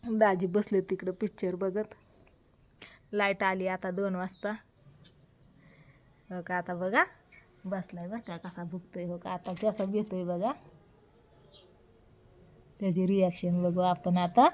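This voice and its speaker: A woman chatting casually in a home vlog, talking to her family and excitedly calling to a pet. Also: slow, pauses often. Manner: chatty, excited, calls to a pet in a high sing-song. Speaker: vlogger. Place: home, indoors.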